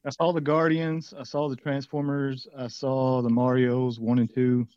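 A man's voice: mid-range voice, little pitch movement, moderate pace, a little mellow, clear, resonant tone, no echo. A man calling in to a podcast as a former co-host, his voice muffled as if heard through a wall, blunt and profane in casual chat. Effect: muffled, as if talking through a wall. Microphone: remote call with a poor microphone. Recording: muffled, dull remote call audio.

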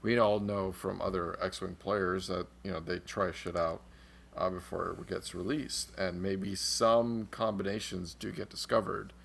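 Gravelly-voiced American man rambling on a podcast. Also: low voice, fairly even intonation, unhurried, fairly bright tone. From United States. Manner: rambling, restarts often, swears casually. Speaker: podcast co-host. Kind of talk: casual podcast chat about a tabletop game.

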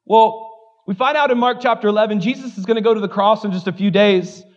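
Pastor guy with a high voice, casual honest sermon, lots of "like", kinda muffled recording. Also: fairly even intonation, fast talker. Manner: candid, conversational, self-deprecating, many "like" fillers. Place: church.

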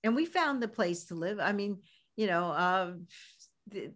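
A woman's voice: mid-range voice, lively intonation, unhurried, a bit bright. Chatty woman with a Brooklyn accent. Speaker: podcast host. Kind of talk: casual conversational interview.

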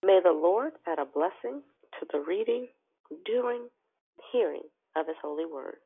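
Woman, heavy vocal fry, formal call host, deliberate announcements and readings, telephone-quality audio. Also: fairly low pitch, lively intonation. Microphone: phone call. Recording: tinny narrow phone line.

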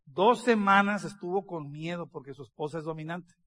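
A man's voice: on the high side, moderate pace, a bit bright, slight background noise. A man, speaking as a business speaker. He tells humorous stories to an audience, acting out the dialogue and laughing along.

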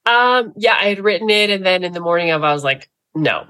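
A woman in her forties from Canada, a guest speaker telling personal stories in a candid interview, earnest and animated, laughing through hard moments. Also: mid-range voice, fast, clear, resonant tone, rough recording.

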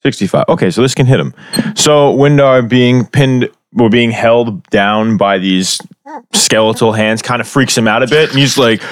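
A man chatting casually as a tabletop game player, explaining his moves haltingly as he goes. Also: mid-range voice, dry recording.

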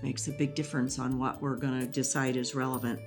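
Low-voiced woman explaining like a teacher. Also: flat delivery, fairly quick, music in the background. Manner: explanatory, teacherly, laughs easily. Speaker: educator guest. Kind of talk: conversational interview.

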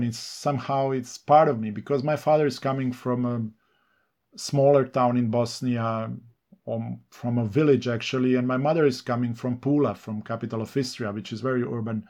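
A male novelist from Slovenia, whose native language is Serbo-Croatian, answers interview questions thoughtfully in English, with many pauses, fillers and restarts. His voice is medium-pitched, steady in tone and a little mellow.

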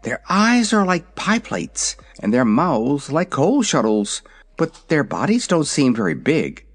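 A storybook reader voicing a frightened pet kitten who talks quickly and in alarm. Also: medium pitch, huge pitch swings. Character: frightened pet kitten, sharp-eyed and blunt.

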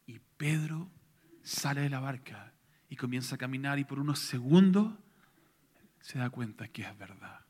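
A man preaching a sermon, retelling a story and swinging between hushed tones and loud, intense passages. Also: mid-range voice, animated, normal speed.

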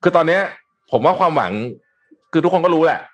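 A man hosting a casual news talk show, chatting with co-hosts in an animated, sarcastic way with many restarts. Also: on the high side, fast talker. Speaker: host.

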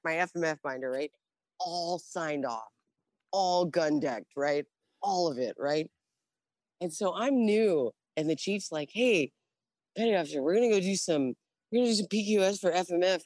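A woman's voice: on the low side, no room sound. Profane laughing woman telling war stories. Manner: profane, laughing, acts out voices in anecdotes. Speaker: interview guest, Navy veteran. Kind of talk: casual storytelling interview. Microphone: phone or call recording.

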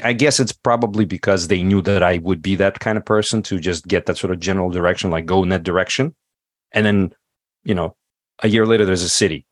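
Casual interview talk from a middle-aged podcast guest who speaks English as a second language: easygoing and reflective, punctuated by frequent fillers and restarts. He has a very low voice, captured dry and up close with no echo.

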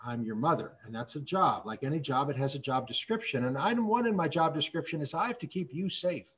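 A man voicing a middle-aged mother who speaks calmly, firmly and matter-of-factly. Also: on the high side, fast, slight background noise. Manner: calm, firm, matter-of-fact. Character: firm middle-aged mother holding her ground.

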